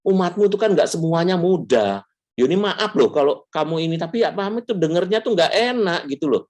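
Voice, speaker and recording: A man voicing his elderly mother as she fussily chides her grown son, raising his pitch. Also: animated, fairly quick, a little mellow. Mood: chiding. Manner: fussy, chiding, raised pitch.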